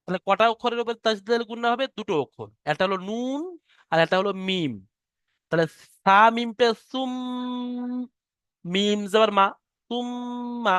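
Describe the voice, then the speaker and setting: A man teaching Quran reading in a recorded online lesson, explaining patiently and spelling out syllables slowly. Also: high-pitched, a bit bright, no echo, clean studio sound.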